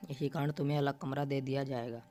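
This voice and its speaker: A woman's voice: very deep voice, fairly even intonation, fast talker, dark tone. A man voicing a stern, traditional older mother-in-law in a storybook reading, scolding and insistent.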